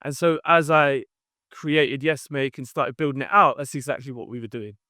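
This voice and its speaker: Man, smooth clear voice. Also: medium pitch, fairly even intonation, moderate pace, pushed and bright, dry recording, clean studio sound. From London. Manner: thoughtful, explanatory, with frequent fillers. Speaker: podcast guest, company founder. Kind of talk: conversational interview answers.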